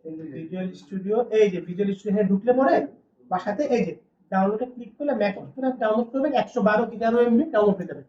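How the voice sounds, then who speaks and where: Fast-talking woman teaching a class. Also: mid-range voice, warm tone, slight background noise. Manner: asks the class questions and answers them herself. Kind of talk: classroom lecture. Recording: distant, dull, roomy classroom recording.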